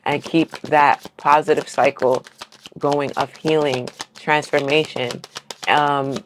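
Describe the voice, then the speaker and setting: Slow and steady, her low-pitched voice comes through with a little hiss or hum in the recording. She's a tarot reader offering viewers a casual collective reading, full of encouragement and affirmation, with frequent "right?" check-ins. It's heartfelt, and she sometimes seems close to tears.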